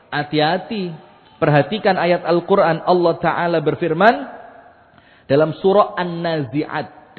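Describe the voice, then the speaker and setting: A man delivers an unhurried sermon, bantering with the congregation and chanting Arabic verses. His voice sits somewhat high. It sounds tinny and phone-like, and the reverb of a large hall trails behind each phrase. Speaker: preacher. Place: mosque hall.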